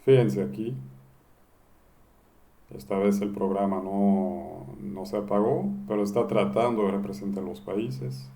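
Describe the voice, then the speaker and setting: A man giving a step-by-step software lesson, posing questions and answering them himself. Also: fairly low pitch, steady tone, unhurried, vocal fry, a little hiss or hum. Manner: explains step by step, asking and answering his own questions. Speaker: instructor. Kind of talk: screen-recorded software tutorial.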